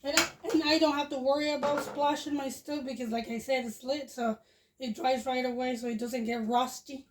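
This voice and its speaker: Chatting fairly quickly in a high, steady voice, a Mexican homestead vlogger in her forties rambles in Spanish-accented speech while washing dishes next to the wood stove at home. She often chuckles and restarts sentences, and the propped-up phone camera recording her also picks up background noise.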